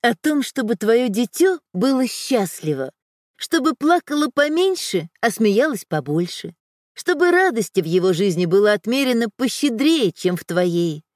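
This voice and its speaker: Brief: woman reading as firm middle-aged mother, scolding yet tender, lively voice, dry sound. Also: fairly high pitch, normal speed, dry recording.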